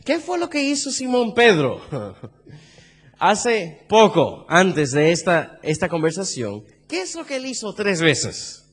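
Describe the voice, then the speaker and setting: A man's voice: sits high, wildly swooping pitch, takes it slowly, faint music behind. Caribbean-accented male preacher, sermon style, quizzes the congregation, long reverb of a hall. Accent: Caribbean Spanish.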